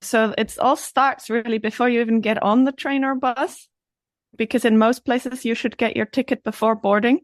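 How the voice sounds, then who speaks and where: A young woman from Switzerland, a guest on a podcast, explaining things in a friendly, relaxed way. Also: fairly high pitch, normal speed, dry recording. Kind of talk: casual interview chat.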